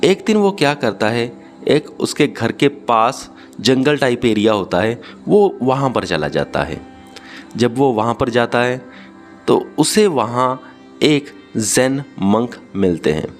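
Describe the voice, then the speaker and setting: A man's voice: medium pitch, lively intonation, slow, soft background music. A man narrating a spiritual story in casual Hindi mixed with English words.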